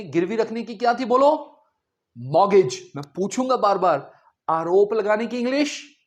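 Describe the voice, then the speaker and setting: A man from India teaching English pronunciation, who says each word slowly several times and quizzes the listener. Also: high-pitched. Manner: drills words slowly, repeating them and quizzing the listener. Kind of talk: spoken language lesson.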